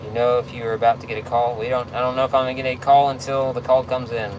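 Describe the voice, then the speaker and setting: Man, medium pitch, casual livestream chat, halting laid-back delivery, noisy vehicle recording. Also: flat delivery. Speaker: tow truck driver livestreaming. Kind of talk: casual livestream chat answering viewer questions. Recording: clear vehicle and road noise.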